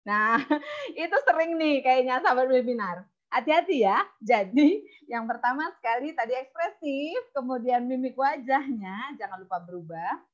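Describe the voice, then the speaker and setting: A woman teaches storytelling on a video call, her tone lively and expressive. Her voice sits fairly high, and the audio is dull and lo-fi. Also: moderate pace. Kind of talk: webinar lesson.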